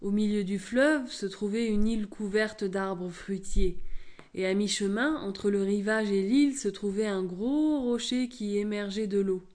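Female storyteller, calm, measured read-aloud, mid pitch. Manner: calm, clear, measured reading.

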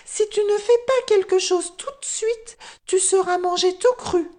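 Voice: unhurried, a little mellow. A storyteller voicing a small, loyal guinea fowl who urgently warns her friend. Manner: squeaky, urgent warning.

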